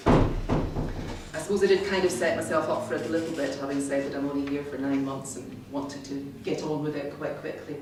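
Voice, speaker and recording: Captured from some way off in a very echoey indoor meeting room, a middle-aged Highland-born Scottish woman delivers her first prepared club speech to an audience. She sits low and steady in tone, measured, wry and self-deprecating. The distant-mic audio is clearly noisy.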